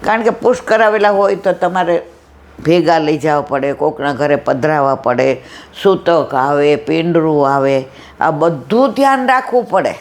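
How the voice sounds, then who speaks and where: A woman's voice: deep voice, animated, measured pace. A woman giving a devotional satsang talk, telling anecdotes with acted-out dialogue and rhetorical questions. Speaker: satsang speaker.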